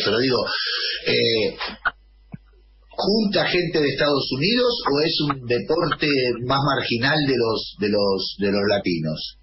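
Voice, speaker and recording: A man with an Argentine accent who hosts a radio show, asking questions in a relaxed, conversational way. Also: medium pitch. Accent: Argentine Spanish. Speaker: radio host. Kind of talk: casual radio interview. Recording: dull lo-fi sound with clear hiss.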